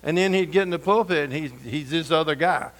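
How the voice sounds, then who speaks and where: A middle-aged man preaching a storytelling sermon, folksy and humorous, going soft and intense for scripture. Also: a little high, fairly quick.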